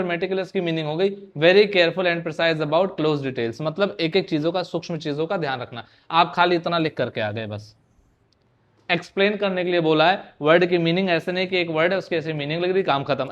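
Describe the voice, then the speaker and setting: High-voiced man teaching an exam-prep class. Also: lo-fi sound. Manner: repeats questions back to students, drills answers. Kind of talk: online lecture.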